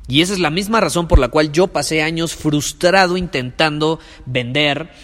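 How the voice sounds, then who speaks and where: Speaking in a big-sounding room, a man with a Mexican Spanish accent hosts a podcast as a sales coach, giving a motivational monologue. His voice is slightly high and fairly bright at a moderate pace, and he preaches emphatically, repeating his key phrases.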